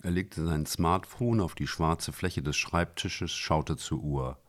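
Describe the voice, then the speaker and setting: A man reading a novel aloud as its narrator, with calm, even storytelling. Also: very deep voice, slow pace. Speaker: audiobook narrator. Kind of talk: scripted narration.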